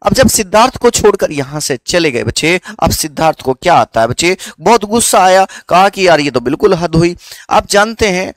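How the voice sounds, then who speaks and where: A man's voice: high-pitched, very animated, moderate pace, few pauses, a bit bright, dry recording. A young man with a Haryanvi accent teaching history as a story, often repeating questions back to his students.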